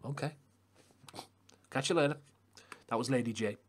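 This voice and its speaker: A young man doing excitable, swearing live-stream commentary over a game, talking straight to his chat viewers. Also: medium pitch, moderate pace.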